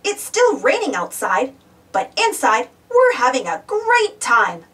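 Reading to children from a storybook, this woman uses a high voice with enormous pitch swings, exclaiming and posing questions to her young audience. She speaks a little slowly with a somewhat bright tone, and she sounds far from the microphone.

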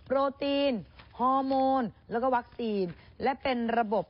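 A woman's voice: fairly high pitch, fairly even intonation, moderate pace, highs cut off. A woman co-hosting a casual news show, chatting and speaking straight to the viewers. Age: adult with a child. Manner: chatty, addresses viewers directly.

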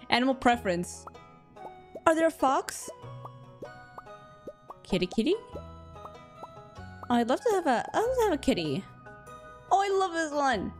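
A woman streaming a game live, chatting casually with her viewers in a bubbly, talkative way, her voice a little raspy and hoarse from getting sick. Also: on the high side. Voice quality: slightly raspy. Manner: bubbly and chatty, with frequent laughs and gasps. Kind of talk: casual live-stream chat, reading chat aloud.

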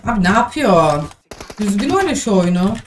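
A woman's voice: medium pitch, sing-song, brisk. A young woman streaming a mobile shooter, commenting live in exasperated, scolding remarks. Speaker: game streamer. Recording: distant mic with game noise.

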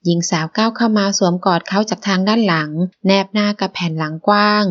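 A woman narrating a romance novel as an audiobook, in a measured storytelling manner. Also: medium pitch, highs cut off.

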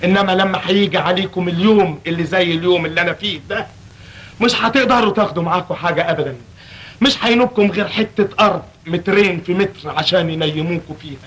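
A put-upon young clerk in a classic film comedy, talking in a high, quick Egyptian voice. He rattles off comic patter and then turns preachy, scolding everyone around him. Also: fairly bright tone, slight background noise, rough recording. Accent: Egyptian Arabic.

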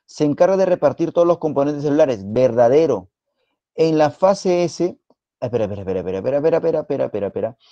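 A man with a Peruvian Spanish accent teaching a live online biology exam-prep class, quizzing students in a playful, teasing way and repeating words rapidly. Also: on the high side, animated, mellow, no room sound, highs cut off.

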